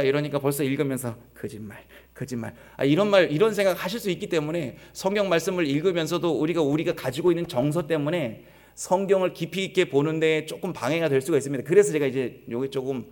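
A man's voice: a little high, creaky, darkish tone. A man preaching a sermon as pastor, talking conversationally and asking the congregation questions.

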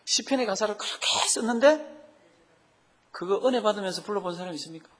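A man's voice: sits high, lively intonation, quick pace. A man preaching a Bible-teaching sermon, often putting questions to the congregation. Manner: asks the congregation frequent questions. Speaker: pastor. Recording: long hall reverb.

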